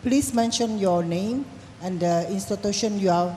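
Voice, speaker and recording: A woman's voice: medium pitch, moderate pace, warm tone. A woman moderating a conference session, opening the floor to questions in an orderly way with small hesitations. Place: large conference hall. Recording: reverberant hall, faint room noise.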